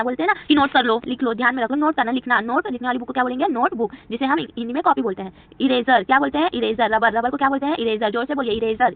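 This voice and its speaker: A woman's voice: sits high, no echo. A woman with a Hindi accent teaching a beginner spoken English lesson. She keeps asking her own questions and answering them over and over. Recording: tinny phone-like audio.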